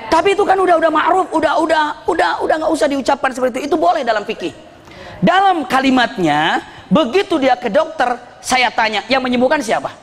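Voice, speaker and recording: A man preaching at a religious study session, telling lively, humorous stories and acting out the voices of the people in them. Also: very high-pitched, fast. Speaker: Islamic preacher. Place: mosque study hall. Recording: echoey hall with faint noise.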